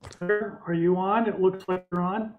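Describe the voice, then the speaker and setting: A man's voice: high-pitched, fairly even intonation, measured pace, narrow, tinny audio, faint music behind. A man chairing a meeting over a conference call that breaks up, plain-spoken with dry asides. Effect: conference call audio, breaking up. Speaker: board chair.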